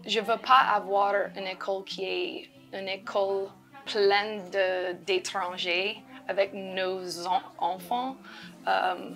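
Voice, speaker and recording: Slow, halting woman. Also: medium pitch, little pitch movement, vocal fry, a bit bright, soft background music. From Louisiana, United States. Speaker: school director and founder. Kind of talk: conversational interview.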